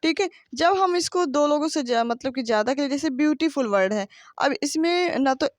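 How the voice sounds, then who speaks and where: Woman teacher, high voice, dry close sound, patient explainer who keeps asking rhetorical questions. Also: expressive, normal speed, no room sound. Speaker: English grammar teacher. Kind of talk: classroom grammar lesson.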